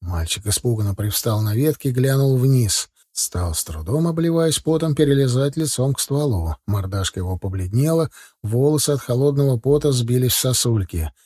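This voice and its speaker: Man reading an audiobook, mellow low tone, dry close mic, bit breathy. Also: expressive, moderate pace, no room sound. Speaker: audiobook narrator. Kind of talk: first-person audiobook narration.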